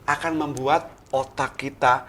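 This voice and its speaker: A man's voice: mid-range voice, fairly even intonation, a little slow, bright, forceful tone, a little hiss or hum. A man co-presenting an infomercial talk show, explaining step by step and often repeating himself.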